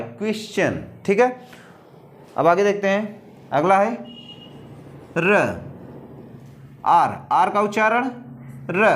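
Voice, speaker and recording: Male teacher, lively rising and falling voice, drills pronunciation by repetition. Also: sits high, slight background noise. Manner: slow, repetitive, asks questions and answers them. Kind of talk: English pronunciation lesson.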